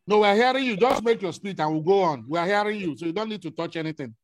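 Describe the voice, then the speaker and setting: A Nigerian man with an Igbo accent hosts an online meeting, giving courteous, halting welcomes. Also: high-pitched, lively intonation, no room sound. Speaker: host of an online alumni meeting. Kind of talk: informal formal welcome speech. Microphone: online video call.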